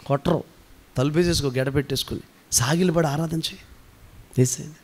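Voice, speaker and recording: A man preaching a sermon as pastor, animated and teasing, calling on the congregation to answer back. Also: a little high, a little fast, breathy edge.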